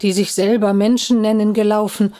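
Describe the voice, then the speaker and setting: A woman's voice: medium pitch, little pitch movement, normal speed, warm tone, pitched above the performer's own voice, natural voice. An earnest, shaken young boy squirrel reporting bad news, as a woman narrator reads him. He speaks plainly and urgently in a storybook telling. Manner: earnest, upset.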